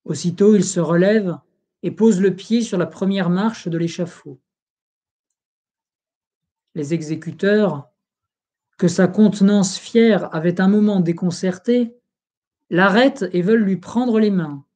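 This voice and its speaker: Narrator: solemn audiobook reader of an old history book, mellow, steady. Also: mid-range voice, measured pace, pauses often. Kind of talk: reading a history book aloud.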